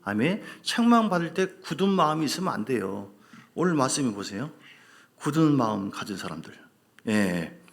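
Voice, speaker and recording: A man's voice: mid-range voice, very animated, normal speed, gravelly. A male pastor preaching a sermon in an emphatic way, repeating key words and asking rhetorical questions.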